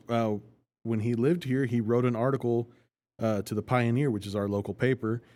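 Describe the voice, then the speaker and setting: A man with a Texan accent chats casually as a podcast co-host. His voice sounds a little worn, and he laughs and teases often. His pitch sits in the middle range. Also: steady tone, normal speed, a little mellow. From Texas. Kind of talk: casual chat.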